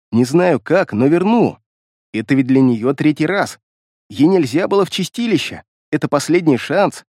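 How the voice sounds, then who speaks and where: A man's voice: a little high, darkish tone, no echo. A man narrating a first-person fantasy audiobook expressively, reading close to the mic.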